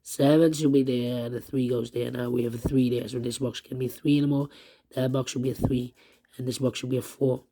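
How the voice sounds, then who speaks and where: Creaky man with a strained, failing voice. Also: medium pitch, flat delivery, warm tone. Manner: halting, repetitive counting in short phrases. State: lost voice, strained and troubled. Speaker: puzzle tutorial host. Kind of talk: step-by-step puzzle walkthrough, thinking aloud.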